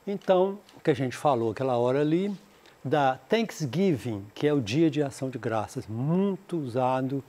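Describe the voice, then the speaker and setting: A man's voice: mid-range voice, animated, dark tone. A man from Brazil teaching an English lesson on a school TV program, explaining in Portuguese and often saying "né?". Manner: reads English dialogue lines slowly and clearly for students to repeat; explains in Portuguese with frequent "né?" and "então".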